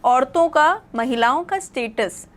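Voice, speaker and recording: A woman's voice: high voice, expressive, unhurried. A woman hosting a podcast interview, asking long, framed questions and affirming often. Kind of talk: interview conversation.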